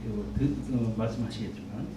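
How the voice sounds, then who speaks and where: A man formally introducing a guest lecturer, speaking haltingly with many pauses and fillers. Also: fairly low pitch. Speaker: event host introducing a speaker. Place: lecture hall. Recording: echoey hall, voice far from the mic, noisy.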